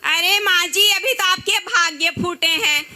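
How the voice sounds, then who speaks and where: A woman's voice: very high voice, a little slow, heavily acted. Woman playing a teasing young daughter-in-law. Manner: teasing, playful. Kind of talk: amateur stage comedy. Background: loud music.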